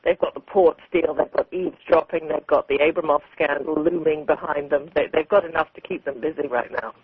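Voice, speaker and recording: A woman's voice: low voice, fairly even intonation, a little fast, slightly rough, dry recording. A woman correspondent reporting live on radio over a landline home phone, thinking aloud with many ums and restarts. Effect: heard over a landline home phone. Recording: crackly narrow landline phone audio.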